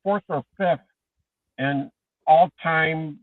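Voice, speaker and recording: A man calling in to a sports talk show over a phone headset, his voice muffled as if heard through a wall, talking haltingly with many ums and restarts. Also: a little high, no room sound. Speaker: caller. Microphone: Bluetooth phone headset. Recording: muffled far-off phone line.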